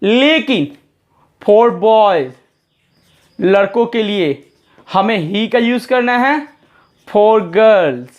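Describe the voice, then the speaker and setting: A man's voice: sits high, expressive, highs cut off. A man teaching English grammar as a classroom lesson, patiently spelling words out letter by letter and repeating phrases. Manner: patient, explains slowly and step by step.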